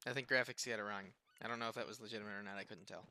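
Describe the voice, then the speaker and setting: A young man in a squad voice chat, talking in a quick, matter-of-fact way that trails off, over a headset. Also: lowish voice, steady tone, bright, forceful tone, no echo. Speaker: player who plays soundbites in voice chat. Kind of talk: casual gaming banter.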